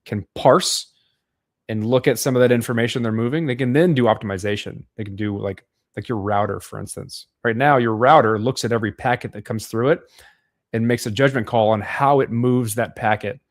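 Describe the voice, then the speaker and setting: A man's voice: medium pitch, a little fast, no echo, studio quality. A man co-hosting a podcast, explaining ideas step by step and thinking aloud. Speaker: podcast co-host. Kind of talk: casual podcast discussion.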